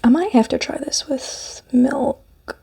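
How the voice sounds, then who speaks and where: A woman with a New Zealand accent softly whispers a breathy, musing ASMR food review while eating cereal. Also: high voice, takes it slowly. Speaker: snack reviewer.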